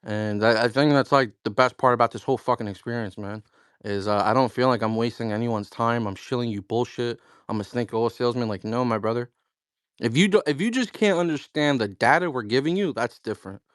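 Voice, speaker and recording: A man with a smooth, resonant voice talks in a loose, profane, slangy way, calling listeners bro and dude. He tells stories in a lively way and acts out both sides of a conversation. The sound is dry and close, with no room around it. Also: medium pitch, brisk, no room sound. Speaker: crypto project founder. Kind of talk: casual chat on a live audio space.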